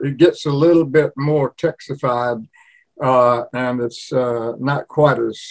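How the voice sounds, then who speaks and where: Older man telling rambling stories. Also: a little high. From Louisiana. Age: 80s. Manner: rambling storyteller, slips into regional imitations. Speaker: cookbook author and guest. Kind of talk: casual interview chat.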